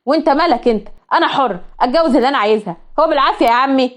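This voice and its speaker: A fed-up young man, voiced by an Egyptian woman sounds defensive and dismissive. The voice is high-pitched and hurried, in a storybook drama. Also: close to an everyday voice. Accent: Egyptian Arabic.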